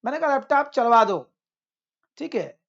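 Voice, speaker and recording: A man's voice: very high-pitched, very animated, moderate pace, vocal fry, a bit bright, dull audio. A man teaching an English grammar lesson in Hindi, stressing his points and drilling examples with rhetorical questions.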